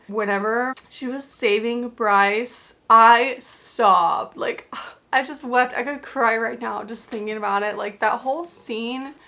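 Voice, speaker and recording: A woman with an ordinary mid-range voice talks casually about a novel to her viewers. She rambles quickly and scatters filler words as she goes. She gushes about parts she loved and speaks candidly about parts she disliked. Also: mid-range voice, a bit bright. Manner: chatty, rambling, gushing. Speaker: book reviewer. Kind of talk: casual book review chat.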